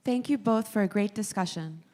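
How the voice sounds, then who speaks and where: A woman's voice: mid-range voice, moderate pace, darkish tone. A woman making a scripted stage announcement as a conference announcer, introducing the next presenter. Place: conference hall. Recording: reverberant hall PA.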